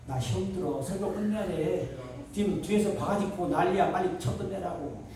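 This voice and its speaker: Middle-aged male pastor, revival sermon, jokes and shouts, roomy church hall sound. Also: sits high, normal speed, crowd noise. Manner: animated, joking, shouts mid-sermon. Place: large church sanctuary. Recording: very echoey church hall from far off.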